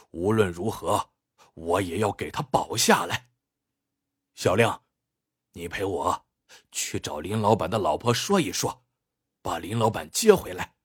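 A man voicing a quiet old bone-setter. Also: husky, no room sound, clean studio sound, full character voice. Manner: low, unhurried, quiet speech. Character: old male bone-setter, around seventy, calm and modest.

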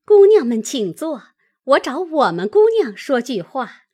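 A woman's voice: high-pitched, very animated, a little slow, mellow, husky, pitched above the performer's own voice, heavily acted. A woman voicing a fawning, scheming sister-in-law who coaxes and wheedles, in a read-aloud classic story. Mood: coaxing. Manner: coaxing and wheedling.

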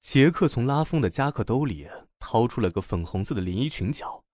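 A man reading a story aloud in an expressive, dramatic manner. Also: medium pitch, brisk, no echo, studio quality. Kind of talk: scripted story narration.

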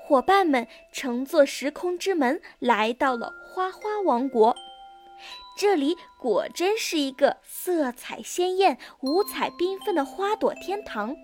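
A woman narrating a children's story in a bright storybook manner. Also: sits high, lively intonation, unhurried, soft background music.

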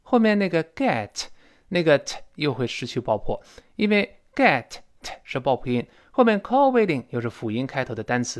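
A man teaching spoken English, who explains pronunciation and repeats words slowly and carefully, chatting with asides and soft laughs. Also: medium pitch.

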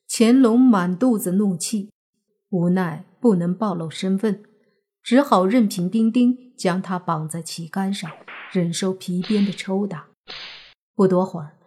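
A woman narrating a scripted historical story in a measured, expressive way. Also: medium pitch, slightly rough.

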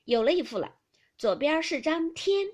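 A woman voicing a lively young lady's maid who runs a drinking game, talking in a brisk, playfully commanding way. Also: high voice, pitched above the performer's own voice. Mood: explaining. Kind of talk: audiobook character reading.

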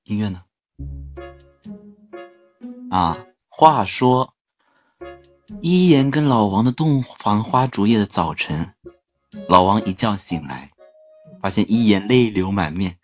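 A man's voice: lowish voice, expressive, slow, pauses often, dull audio, soft background music. A man on a live stream, telling jokes and reciting love lines, with a jokey manner. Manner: jokey, then tender reciting.

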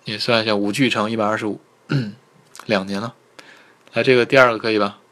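A male language teacher giving a livestreamed pronunciation lesson, patiently sounding out syllables and repeating them slowly. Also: lowish voice, steady tone, fairly bright tone. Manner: patient, repeats syllables slowly, asks viewers to type in chat.

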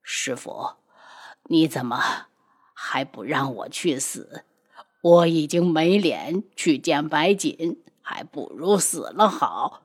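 A woman doing a faint, breathy young male healer. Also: sits low, big pitch swings, unhurried, pitched below the performer's own voice, exaggerated voice. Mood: despairing. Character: weak remorseful young male physician.

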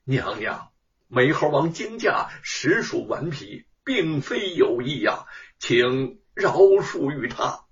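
A man playing a proud, defiant male scholar at court, loud and pleading by turns, on a dull, distant lo-fi recording. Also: a little high, very animated, slow pace, exaggerated voice.

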